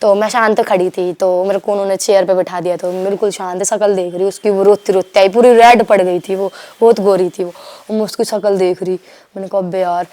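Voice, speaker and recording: A young woman from Delhi, telling her story to an interviewer in a rambling, animated way, acting out what others said and restarting her sentences. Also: mid-range voice, brisk. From Delhi, India. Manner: rambling, animated retelling with quoted dialogue and restarts. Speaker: guest.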